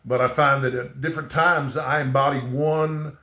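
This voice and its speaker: This booktuber chats to camera with a slight Texan accent, his talk rambling, full of halting restarts and repeated "okay?" tags. He speaks at medium pitch with fairly even intonation, in a pushed, bright voice, with reverb around it.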